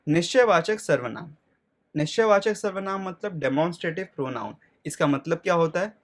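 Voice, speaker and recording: Guy teaching grammar, slightly high voice, keeps asking then answering himself, checks in a lot. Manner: repeats questions and answers them himself, checks in often; slows down to spell out word lists. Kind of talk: grammar lesson.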